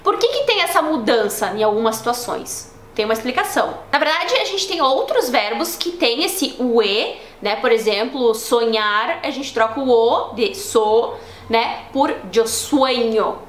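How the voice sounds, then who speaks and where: A young woman with a Brazilian Portuguese accent, teaching a casual online language lesson in a chatty, explanatory way that slows down to model words for practice. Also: on the high side, lively intonation. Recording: roomy echo, faint background noise.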